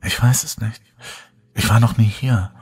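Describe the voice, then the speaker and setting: In a whispered role-play, a man voices a pale, exhausted young woman, speaking barely above a whisper so she sounds weary, fearful and ghostly. The voice is bass, measured and darkish with a breathy edge, pushed up and exaggerated, over soft background music.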